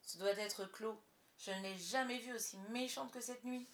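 A woman's voice: on the high side, fairly even intonation, moderate pace, a little hiss or hum, voice pushed up, close to an everyday voice. A woman voicing a cocky, wheedling boy who never grows up, in a roomy recording. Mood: casual. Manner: boastful, wheedling. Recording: roomy echo.

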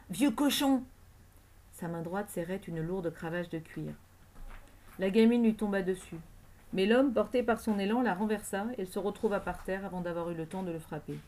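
A woman reads a suspense novel aloud. She keeps a steady, measured narration and uses her middle voice. The reading is clear and even. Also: mid-range voice. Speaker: audiobook narrator. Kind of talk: scripted narration.

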